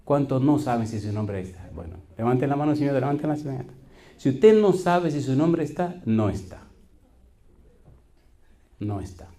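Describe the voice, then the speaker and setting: A man's voice: mid-range voice, lively intonation, normal speed, pauses often, dark tone. A middle-aged man, a pastor preaching a sermon, questioning the congregation and telling folksy stories with quoted voices. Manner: preaching with call-and-response questions.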